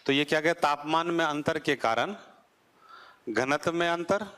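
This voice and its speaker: A male teacher giving a classroom geography lecture. He keeps asking the class rhetorical questions and then answers them, and his pitch drops as he closes off each point. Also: moderate pace, sharp tone, clean tone.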